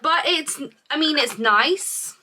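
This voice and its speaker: Chesty, bright-voiced woman chatting through makeup. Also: sits high, animated, slow pace, slight background noise. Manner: chatty, thinking aloud. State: chesty from a week-long cough. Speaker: beauty vlogger. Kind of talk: casual product review chat to camera.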